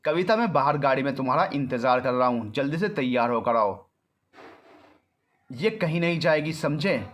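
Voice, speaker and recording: A man's voice: medium pitch, expressive, normal speed, close to an everyday voice. A man voicing an arrogant, controlling young man in a storybook reading, rude and mocking. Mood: angry shouting. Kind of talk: storybook narration.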